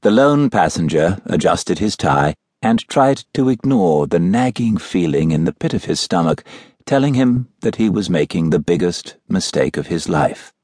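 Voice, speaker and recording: A man narrating a mystery audiobook in a very deep, slightly husky voice. His storytelling is measured and even. The studio recording is dry and close, with no room sound. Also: no room sound. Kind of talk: scripted narration of a mystery novel.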